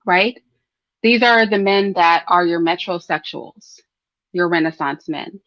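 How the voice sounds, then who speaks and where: A woman talks through her opinions in an informal, conversational way, addressing listeners directly and checking in with tag questions. Her pitch is average for a woman. The recording is dry and slightly muffled, with very little room sound. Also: dry recording. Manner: frequent throat clearing. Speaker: host of a commentary livestream. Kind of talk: conversational solo opinion commentary.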